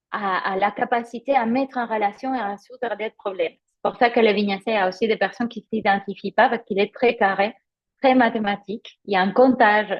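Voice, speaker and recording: A yoga teacher trainer who is a native Spanish speaker with a Spanish accent teaches conversationally in a live webinar. She explains with personal examples and pauses to find her words, and her mid-range voice comes through lo-fi sound.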